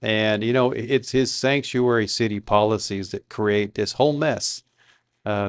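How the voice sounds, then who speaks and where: A man's voice: on the low side, no echo, studio quality. A man giving casual political commentary, indignant and peppered with "uh" fillers.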